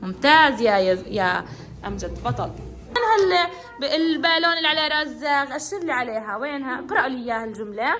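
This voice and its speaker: A woman's voice: sits high, lively intonation, quick pace, a bit bright, slight background noise. A woman teacher, leading children in a reading game and praising them often. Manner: encouraging, praising, calls on children by name. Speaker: kindergarten teacher. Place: classroom with children.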